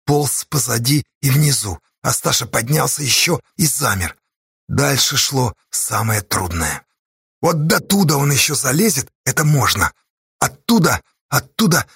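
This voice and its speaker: A man narrates an audiobook with measured, dramatic delivery. His voice is husky and gravelly, sitting a touch high, recorded close and dry. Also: a bit bright, dry recording.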